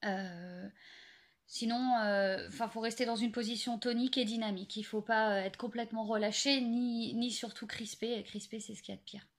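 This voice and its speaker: A young woman explaining singing basics in a casual, hesitant way, full of pauses and fillers. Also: a little high, steady tone. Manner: hesitant, many fillers and restarts. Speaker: singing teacher. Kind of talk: casual spoken singing tips.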